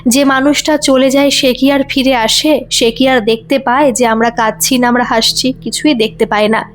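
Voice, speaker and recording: A grieving young daughter pleads earnestly with her mother in a narrated story, as the storyteller voices her. The voice is high and quick. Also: fairly even intonation, slight background noise, natural voice. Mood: reasoning.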